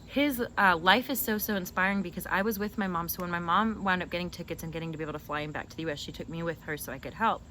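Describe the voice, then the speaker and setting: With a lowish, sharp-toned voice, this woman talks fast and hardly pauses. She's hosting an informal conversation with her brother, telling stories that ramble and dissolve into giggles, over a clearly noisy background.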